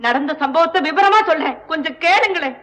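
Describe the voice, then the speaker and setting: Proud young dancer: high and bright, defiant, pleading. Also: female voice, animated, a little fast, a little hiss or hum. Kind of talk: 1960s film acting.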